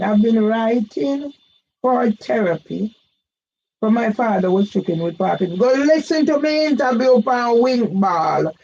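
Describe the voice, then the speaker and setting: Speaking on her own channel, this older Jamaican-accented vlogger launches into a repetitive, agitated monologue that now and then breaks into shouting. Her voice is a little high, captured in dull lo-fi audio.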